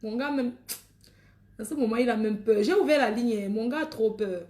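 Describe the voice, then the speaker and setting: A woman's voice: a little high, moderate pace, darkish tone, reverberant. A woman hosting a live stream, chatting in a bawdy, laughing way with frequent exclamations. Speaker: live-stream host selling products. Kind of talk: raunchy casual live chat.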